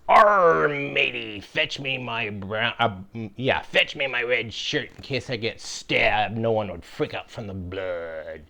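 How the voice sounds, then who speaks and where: A man doing a loud growling pirate captain. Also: lively intonation, slow pace, creaky, hardly any pauses, full character voice. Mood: commanding. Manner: growling "arr" bursts, loud and high. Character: gruff male pirate captain shouting orders.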